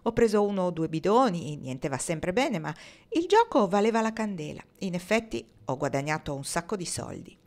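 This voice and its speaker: A woman reading the part of a practical, shrewd businesswoman in an audiobook, speaking in a brisk, knowing and slightly sly way. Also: fairly low pitch, very animated, darkish tone.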